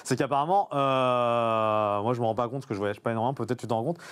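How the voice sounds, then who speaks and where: A man's voice: medium pitch, steady tone, fast, a bit bright, a little hiss or hum. A man hosting a casual talk show, who rambles and often restarts his sentences. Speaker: host.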